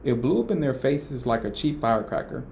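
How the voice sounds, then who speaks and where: A man narrating scripted political commentary with a mellow, darker tone at an ordinary pitch. His delivery is indignant and emphatic, with a mocking edge. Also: animated, fairly quick, gravelly, a little hiss or hum.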